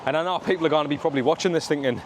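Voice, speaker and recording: Rattling along at a rapid-fire pace in a fairly high voice, this Sunderland man vlogs as he walks, chatting casually to camera with plenty of north-east slang and a friendly, matey tone. He's outdoors on a rainy suburban street, and traffic and street noise come through.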